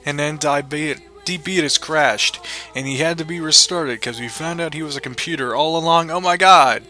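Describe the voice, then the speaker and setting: A man's voice: fairly high pitch, normal speed, sharp tone. A man hosting a comedic reading of fan fiction, mock-dramatic, with sarcastic asides. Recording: music playing underneath.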